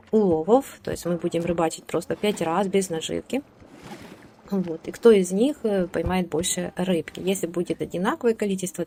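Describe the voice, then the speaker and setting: A let's play host gives casual gameplay commentary, chatting along and ordering her game characters around with hesitant fillers. Her voice is lowish with a dark tone, and there's slight background noise.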